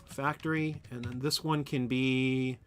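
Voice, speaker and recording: In an unhurried, medium-pitched voice with fairly even intonation, a man streams a factory-building game live, with a little hiss or hum in the background. He rambles casually and talks to chat as he builds.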